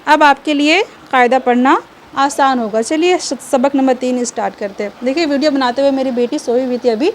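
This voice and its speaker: A young woman with a high voice teaches an online reading lesson. She speaks patiently and keeps checking in with her listeners. She drags each syllable out slowly so every sound is clear, and faint noise sits under her voice.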